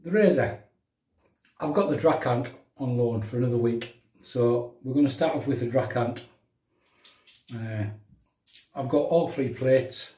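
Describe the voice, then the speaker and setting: Middle-aged male livestream host, County Durham accent, soft mellow tone, matey banter, recorded in a roomy bathroom away from the mic. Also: mid-range voice, unhurried, pauses often. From County Durham, England. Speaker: livestream host of a shaving show. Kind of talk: casual live chat with viewers while demonstrating shaving. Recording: roomy bathroom echo, distant microphone.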